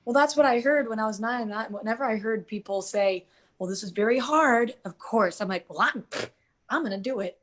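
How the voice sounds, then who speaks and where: A jazz singer in her twenties, appearing as an interview guest, talks casually in a slightly high, somewhat bright voice at a brisk pace. She's chatty, with many fillers and restarts.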